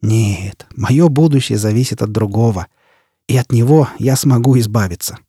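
A man's voice: mid-range voice, normal speed, mellow, breathy edge, dry recording, studio quality. A man voicing a blunt young man obsessed with revenge, in an audiobook reading. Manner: blunt, curt. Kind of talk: audiobook character voice.

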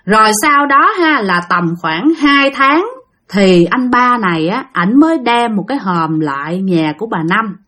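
Lively Southern Vietnamese woman storyteller. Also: a little high, unhurried. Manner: chatty, addresses listeners directly. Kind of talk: spoken ghost-story telling.

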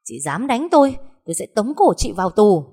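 A woman's voice: mid-range voice, sing-song, a little fast, mellow, breathy edge, pitched above the performer's own voice. A woman voicing an insolent young wife who sneers and talks back. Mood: sneering. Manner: sneering, mocking.

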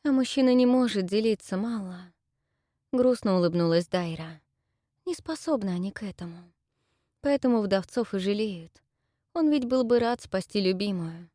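A woman voicing a timid, tearful young widow who once acted on stage, speaking softly and pleadingly. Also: mid-range voice, expressive, normal speed, no echo, studio quality, close to an everyday voice. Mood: sad. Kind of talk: audiobook character voice.

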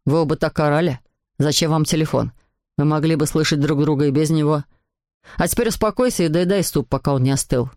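A woman voicing an irritable middle-aged father in an audiobook, speaking gruffly and exasperated. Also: low-pitched, fairly quick, no room sound, clean studio sound, pitched below the performer's own voice, lightly acted. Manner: gruff, exasperated, shouting in bursts.

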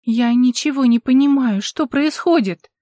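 An excitable actress demands answers in a shrill, high voice, as a woman reads her. She sounds anxious and pushy. The recording is dry. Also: unhurried, no room sound.

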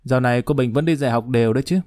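A man's voice: medium pitch, rapid-fire, mellow, no room sound, clean studio sound, natural voice. A man voicing a sly, domineering woman near fifty who talks in a cool, mocking, condescending way.

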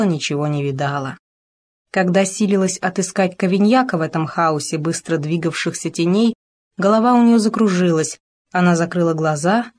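A woman with a somewhat low voice narrates an audiobook. Her reading is expressive and dramatic.

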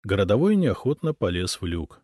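A man narrating a first-person audiobook with expressive delivery. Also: lowish voice, fairly quick, husky, dry recording, studio quality.

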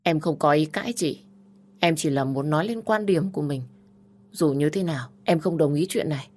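A woman's voice: low-pitched, normal speed, a little mellow. A woman voicing a stubborn young heroine who speaks firmly and curtly. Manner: firm, curt, defiant.

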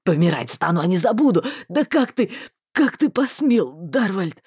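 A woman voicing a loyal, hot-tempered young male mage who shouts in loud anguish and fury. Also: on the low side, sing-song, normal speed, husky, no room sound, studio quality, voice pushed down. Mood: anguished shouting.

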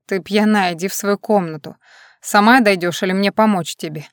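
A woman's voice: mid-range voice, normal speed, clear, resonant tone, no room sound, clean studio sound, lightly acted. A woman reading the lines of a domineering, possessive man in an audiobook, in a cold, mocking way.

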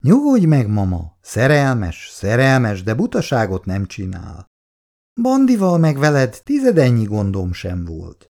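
A man's voice: medium pitch, huge pitch swings, gravelly, a little mellow. A man voicing a young adult son who playfully teases and soothes his mother. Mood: playful soothing.

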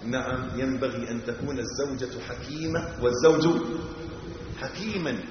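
A man with an Egyptian Arabic accent giving a mosque lesson, animated and swinging from hushed to loud. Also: mid-range voice, normal speed, background noise. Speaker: preacher. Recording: echoey hall, lo-fi audio.

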